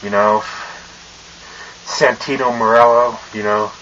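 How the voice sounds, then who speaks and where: Muffled, bright-voiced young man ranting. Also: lowish voice, fairly even intonation, takes it slowly, a little hiss or hum. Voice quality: muffled by a mask he wears. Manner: rambling and profane, with many fillers and stumbles. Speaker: vlogger. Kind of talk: casual rant to camera.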